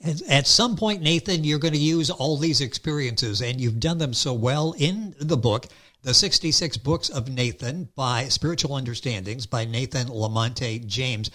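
A man's voice: medium pitch, moderate pace, bright, forceful tone. An American man hosting an interview in a conversational style, affirming his guest with wordy lead-ins to questions. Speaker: interview host.

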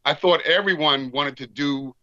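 Bright-voiced American veteran man, reminiscing. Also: a little high, normal speed, no room sound, highs cut off. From Washington, D.C., United States. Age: middle-aged. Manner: veteran reminiscing about life. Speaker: interview guest, author. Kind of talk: conversational interview storytelling.

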